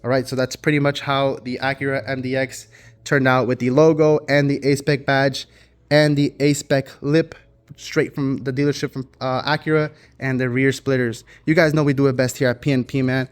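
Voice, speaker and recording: A man's voice: medium pitch, level tone, moderate pace, smooth. A man who runs a custom car shop, talking casually to his viewers and rambling loosely with fillers and restarts.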